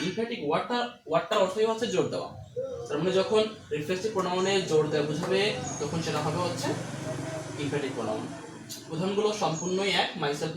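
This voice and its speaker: A man teaching English grammar, explaining quickly and slowing down to read each English example aloud. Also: on the high side. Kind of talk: classroom-style grammar lesson. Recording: roomy, distant mic, noisy.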